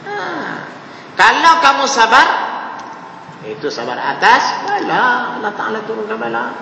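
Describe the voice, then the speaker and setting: A man's voice: very high voice, a little slow, vocal fry, slight background noise. A man with a Northern Malaysian Malay accent, giving a mosque lecture and often asking "ha, kan?" to his listeners. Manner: animated, rhetorical questions with frequent "ha, kan?". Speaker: religious teacher. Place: mosque hall. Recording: echoey hall with faint ambience.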